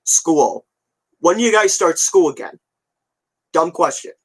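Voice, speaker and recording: In a husky, expressive voice that sits a little high, a twenty-year-old creator talks to his viewers at a measured pace, answering comments. He rambles and repeats himself casually. The recording quality is rough.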